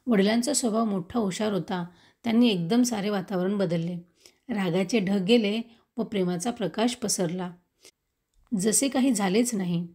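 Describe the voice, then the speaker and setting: A woman's voice: mid-range voice, normal speed, mellow, slightly rough. Woman reading a classic story aloud. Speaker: audiobook reader. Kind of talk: scripted narration of a classic novel.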